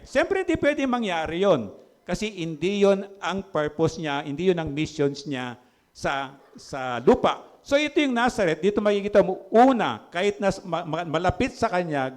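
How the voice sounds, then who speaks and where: A middle-aged man with a Filipino accent, preaching a lively sermon in a church hall and asking the congregation questions. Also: fairly high pitch. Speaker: pastor.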